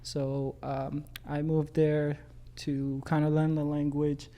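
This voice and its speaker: Calm young man from Ethiopia, mellow voice. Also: on the high side, takes it slowly. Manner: calm, storytelling with many uhs. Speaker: podcast guest. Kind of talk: casual interview storytelling.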